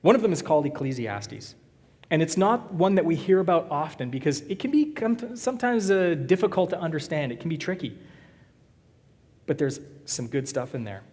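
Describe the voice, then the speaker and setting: A man preaches in a church, easygoing and quick to joke with his congregation. His voice sits a little high for a man. A long reverb from the sanctuary trails each phrase. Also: lively intonation, a little mellow. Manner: conversational, joking with the congregation. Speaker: pastor. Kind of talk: sermon.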